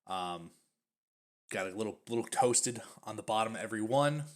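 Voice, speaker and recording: Chatty lower-voiced man reviewing snacks. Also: expressive, moderate pace. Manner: chatty, uses many fillers, talks while chewing. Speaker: streamer reviewing snack foods. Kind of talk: casual food review on stream.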